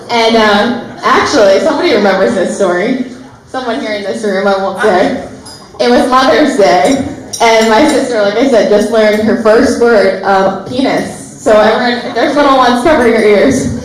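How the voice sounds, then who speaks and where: Young woman, maid of honor toast, kinda high voice, giggly and teary, super echoey hall mic. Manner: giggly, heartfelt, close to tears. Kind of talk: wedding toast speech. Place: wedding reception hall.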